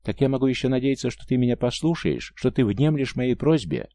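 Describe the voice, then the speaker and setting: A man's voice: medium pitch, lively intonation, brisk, dark tone, no echo, pitched above the performer's own voice, natural voice. A man reading an audiobook voices a lovesick young man, speaking with urgent emotion. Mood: hopeful. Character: young lovesick human man, desperate and pleading.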